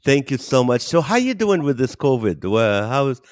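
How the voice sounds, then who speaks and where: A man's voice: medium pitch, big pitch swings, moderate pace, no echo. Guy hosting a podcast, eager, repeats stuff for emphasis, dry close sound. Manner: enthusiastic, repeats points for emphasis. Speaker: podcast host. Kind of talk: casual interview chat.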